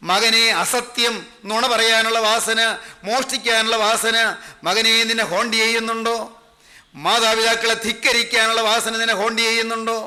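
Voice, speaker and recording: Guy preaching a sermon, super high bright voice, keeps stacking up questions, calls ppl son and daughter. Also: monotone, moderate pace. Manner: rhetorical questions repeated in long chains; addresses listeners as son and daughter.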